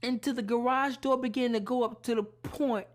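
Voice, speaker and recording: A woman preacher giving an emotional, tearful testimony of a vision, pleading and crying out, swinging from hushed words to shouts. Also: on the high side, steady tone, moderate pace. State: in tears. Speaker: ministry preacher.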